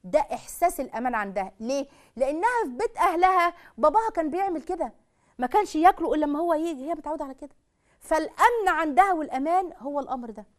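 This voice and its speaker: A woman's voice: high voice, rapid-fire. A woman with an Egyptian Arabic accent giving a religious talk on marriage, asking rhetorical questions and speaking straight to her listeners. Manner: animated, rhetorical questions, addresses audience directly. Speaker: Islamic lecturer.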